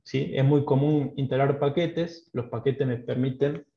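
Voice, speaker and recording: A man's voice: medium pitch, fairly even intonation, a little slow, creaky, warm tone. A man with a Salta Argentine accent teaching an online programming class, explaining patiently and often checking in with a questioning "¿sí?". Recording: dull roomy online class audio.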